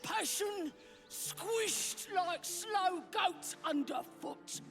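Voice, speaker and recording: A sulky game monster woman, very high n gravelly, wailing, melodramatic, faint music. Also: drawn-out words, full character voice. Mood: dismayed, sulky. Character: scornful, melodramatic brutish female monster, sulking lover.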